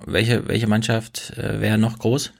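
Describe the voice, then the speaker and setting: A man in his thirties with a gravelly edge and a fairly low voice, co-hosting a podcast. He rambles in casual chat, restarting and correcting himself as he goes. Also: little pitch movement, takes it slowly. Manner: chatty, rambling, self-correcting. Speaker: podcast co-host.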